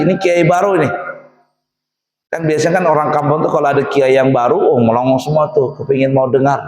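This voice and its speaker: A man's voice: fairly high pitch, a little mellow. A man preaching a humorous sermon, telling a story and acting out the characters, laughing at his own jokes. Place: mosque or Islamic boarding school hall. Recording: echoey hall, long reverb.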